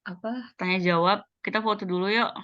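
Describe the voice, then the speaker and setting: A woman hosting an online event, giving brisk friendly instructions to attendees. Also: medium pitch, steady tone, fairly bright tone, dry recording, highs cut off. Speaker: host.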